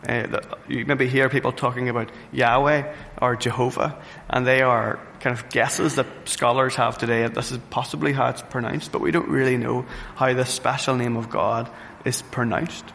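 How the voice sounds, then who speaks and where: Male preacher, mid-pitched and gravelly, earnest sermon with halting restarts; faint room noise. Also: fairly bright tone. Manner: earnest, repeats phrases for emphasis, frequent restarts. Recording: reverberant hall with faint ambient noise.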